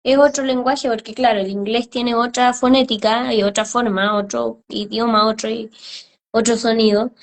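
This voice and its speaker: A woman's voice: fairly high pitch, steady tone, normal speed. A woman, hosting an interview and talking loosely in run-on phrases. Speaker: host. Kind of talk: casual interview chat.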